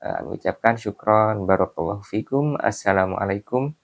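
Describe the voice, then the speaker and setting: A male teacher giving a calm video lesson to schoolchildren, explaining step by step with frequent fillers. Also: fairly low pitch, moderate pace, creaky. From Indonesia.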